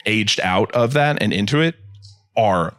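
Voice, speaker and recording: Lively rambling podcast host. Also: male voice, on the low side, no echo, clean studio sound. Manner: rambling, many fillers, quick laughs. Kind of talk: casual chat.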